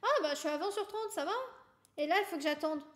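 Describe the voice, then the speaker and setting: A woman's voice: extremely high pitch, fast talker. A woman streamer giving casual gameplay commentary, chatty and laughing often as she reads game dialogue aloud.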